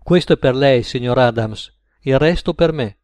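A man voicing a gentle, overly polite camp cook who speaks softly and courteously, in a storybook reading. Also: mid-range voice, moderate pace, no room sound, close to an everyday voice.

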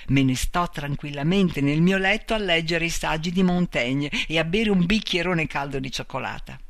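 A man reading aloud and voicing a male robot double who speaks in a calm, tender, pleading way. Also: on the high side, moderate pace, dry recording, clean studio sound. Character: gentle male robot double, soft-spoken and loving.

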